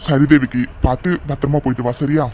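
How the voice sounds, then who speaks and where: A man's voice: medium pitch, flat delivery, fast, darkish tone, a little hiss or hum, lightly acted. A man voicing a doting, reassuring father in a cartoon, with fond, coaxing talk. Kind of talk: cartoon dubbing.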